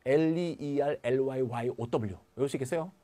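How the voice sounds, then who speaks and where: A man's voice: mid-range voice, quick pace. A man teaching an English grammar lecture in a chatty, blunt manner, full of asides. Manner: lively, chatty and blunt, with asides and mild swearing.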